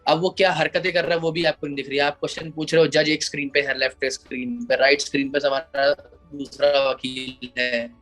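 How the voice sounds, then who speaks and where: A man's voice: mid-range voice, flat delivery, brisk, fairly bright tone, faint music behind. A man who is an advocate, answering interview questions in an explanatory way and slipping English phrases into his Hindi. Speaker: advocate and IP lawyer.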